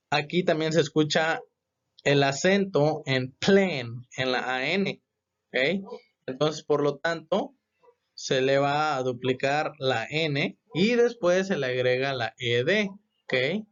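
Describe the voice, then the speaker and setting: A man gives a slow, patient lesson, setting out each rule step by step and pausing to check that it landed. His voice sits a little high for a man. The sound is dull and lo-fi. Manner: patient, repeats "¿ok?" to check understanding. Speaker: English teacher.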